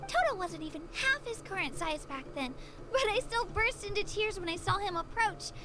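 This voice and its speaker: A woman voicing a shy, earnest young woman in a video game, who speaks gently and a little unsure of herself. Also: very high voice, lively intonation, moderate pace, loud music behind the voice. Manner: gentle, a little self-doubting.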